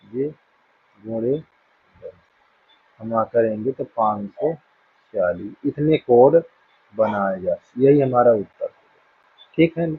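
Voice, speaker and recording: A man's voice: medium pitch, animated, slow pace, long pauses, slight background noise. A man teaching a school maths lesson, patiently working through counting problems and often checking that students follow. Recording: dull dry lo-fi room sound.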